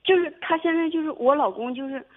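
A young woman calling in to a radio advice show, telling her story haltingly with many restarts. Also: high voice. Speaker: caller. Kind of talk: phone-in advice call. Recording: tinny phone line.

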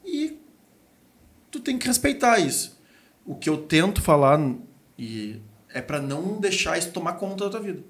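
Man, podcast host, fairly high voice, blunt, motivational, slangy. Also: very animated, normal speed, pauses often, fairly bright tone. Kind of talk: casual podcast chat.

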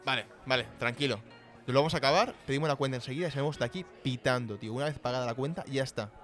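Fast-talking fussy man. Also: medium pitch, a bit bright, soft background music. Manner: fussy, nagging about costs. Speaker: sketch comedy performer. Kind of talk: comedy radio sketch.

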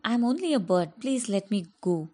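A woman's voice: mid-range voice, animated, brisk, dark tone, lightly acted. A woman voicing a frightened little male bat who pleads and protests in a read-aloud fable. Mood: pleading.

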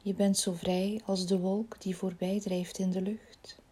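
A woman leading a guided body-scan relaxation in a slow, soothing, soft voice that often drops near a whisper. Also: mid-range voice, level tone, slightly rough.

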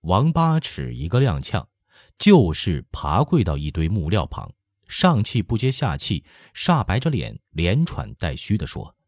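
A man narrating a historical novel as an audiobook, telling the story in an expressive way. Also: deep voice, unhurried, dry recording, clean studio sound. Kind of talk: scripted narration.

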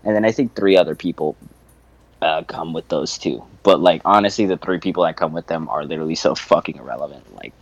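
A young man hosting a podcast, telling a story in a casual, profane, animated way with frequent laughter. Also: rumbling low, fast, no echo, highs cut off. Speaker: podcast host.

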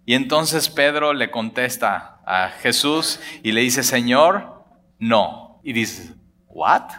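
Animated preacher, bright voice. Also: male voice, medium pitch, takes it slowly. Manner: animated, acts out dialogue, colloquial Mexican slang. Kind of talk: lively sermon on scripture.

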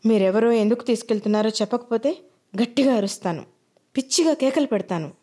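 A woman's voice: a little high, quick pace, warm tone, close to an everyday voice. A woman reading a story voices a frightened young woman, pleading and panicked as she is taken away. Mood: defiant.

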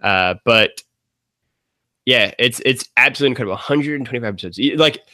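A man's voice: medium pitch, brisk, bright, forceful tone, dry recording. A man talking casually as a guest on a gaming podcast, rambling with lots of fillers and frequent laughs.

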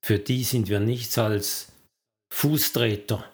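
A frightened young girl, read by a male narrator pushing a friend to hide. She sounds urgent and pleading, with a fairly low voice and slow delivery in a story reading. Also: fairly even intonation.

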